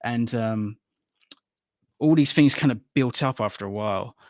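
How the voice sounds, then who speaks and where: A man's voice: mid-range voice, a little slow, a little mellow, dry recording, studio quality. A man in his late thirties, a guest on a casual panel podcast, telling stories in a rambling way and laughing easily. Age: late 30s. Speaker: podcast guest, animator and musician.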